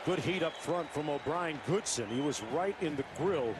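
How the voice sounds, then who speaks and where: Play-by-play man, slightly high-voiced, short clipped calls, live game with heavy background noise. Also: expressive, moderate pace. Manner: terse, fragmentary play calls. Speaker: play-by-play announcer. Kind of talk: live football commentary. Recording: loud crowd-like stadium noise. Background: loud stadium ambience.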